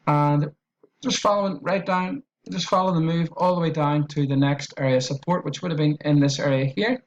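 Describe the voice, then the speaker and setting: On a lo-fi recording, an Irish-accented man with a slightly high voice walks viewers through a trading tutorial on screen. As a trading educator, he speaks loosely and repetitively, using fillers and restarting his sentences.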